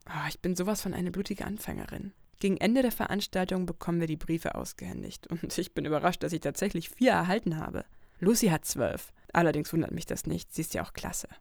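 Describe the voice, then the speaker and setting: A woman reading a first-person story aloud in a calm, even manner. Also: fairly low pitch, a little fast, vocal fry. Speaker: audiobook narrator.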